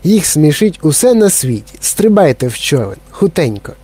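A man voicing an eccentric, cheerful male candy maker, brisk and excitable, in a storybook reading. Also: fairly high pitch, slightly rough, voice pushed up. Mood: excited.

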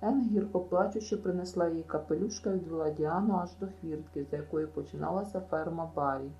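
A woman reading a novel aloud in a calm, measured way, reading out the page numbers. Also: deep voice, highs cut off, slight background noise. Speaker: audiobook reader.

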